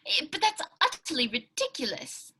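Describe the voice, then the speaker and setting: Woman acting genial old gentleman doctor, high voice, earnest radio-play storyteller, slightly flustered, noisy background. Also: wildly swooping pitch, normal speed, full character voice. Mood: alarmed.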